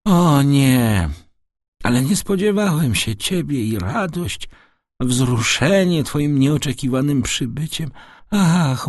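A frail old father, as a male narrator puts him on, his voice thin, high and trembling. He speaks very slowly and gently, with a husky catch in the throat. The recording is close and dry. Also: no echo. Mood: shaken joy. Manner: quavering and slow, breaking into high tones. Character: frail, tender old father, aging man.

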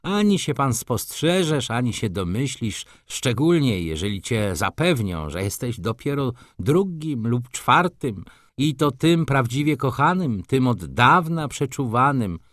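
A man's voice: medium pitch, sing-song, measured pace, a bit bright, dry recording, studio quality. A man voicing a cynical, mocking doctor. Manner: sardonic, teasing, expansive. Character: cynical, mocking male doctor, middle-aged.

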